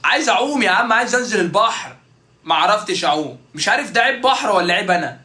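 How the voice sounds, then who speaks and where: A man's voice: high-pitched, expressive, racing, sharp tone. A man with an Egyptian Arabic accent doing a joking, playful comic monologue to his viewers. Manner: joking, playful, mimics street vendors. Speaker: content creator.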